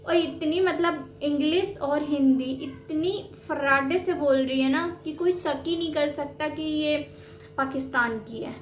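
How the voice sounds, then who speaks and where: High-voiced woman vlogging in a roomy space. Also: unhurried. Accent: Madhya Pradesh Hindi. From Madhya Pradesh, India. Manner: chatty, repeats "theek hai" and "yaar". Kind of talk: casual opinion vlog. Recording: slightly dull, roomy, faint hiss.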